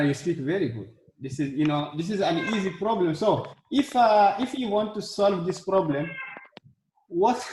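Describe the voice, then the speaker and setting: A man hosting a casual language practice session, encouraging and repeating his words as he talks. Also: sits high. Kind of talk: casual group conversation. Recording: echoey room with faint noise.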